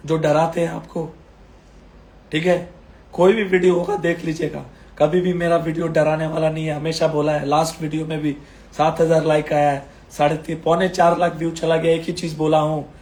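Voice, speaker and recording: A man's voice: on the high side, little pitch movement, normal speed, darkish tone. A man giving stock market commentary while unwell, his throat strained and coughing, repeating phrases emphatically to reassure viewers. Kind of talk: casual market commentary video.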